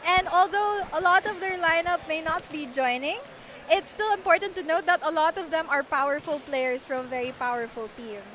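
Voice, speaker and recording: A woman's voice: sits high, moderate pace, fairly bright tone, slight background noise. A woman with a Filipino accent giving live sports analysis as a co-commentator.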